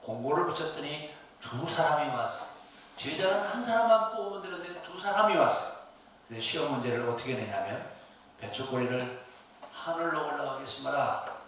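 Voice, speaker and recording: A middle-aged man preaching from the pulpit, his pitch leaping up and down as he tells a story and fires questions at the congregation. His voice is a bit high for a man and reaches the mic from a distance. A large church echo rings around every word, with faint room noise underneath. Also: big pitch swings, moderate pace, fairly bright tone. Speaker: pastor. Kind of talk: sermon. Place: church sanctuary. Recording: echoey church from far off.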